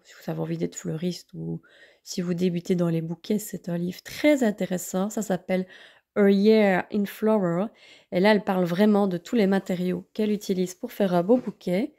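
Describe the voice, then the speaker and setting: A woman's voice: on the low side, steady tone, moderate pace, creaky, warm tone. A woman vlogger casually reviewing books, hesitant with many fillers.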